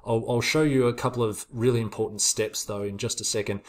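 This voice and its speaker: A man with a mid-range voice talks in a casual vlogger style, addressing his viewers directly. His delivery is informal and a little halting, with asides and reworded phrases along the way. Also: mid-range voice, fairly even intonation. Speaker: online business video host.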